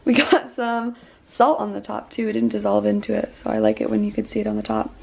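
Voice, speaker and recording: A woman's voice: medium pitch, very animated, brisk, gravelly, a little mellow. A young woman chatting through a baking tutorial in her home kitchen, bubbly and casual, with lots of "like" and "um". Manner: bubbly, chatty, says "like" and "um" often. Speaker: baking vlogger.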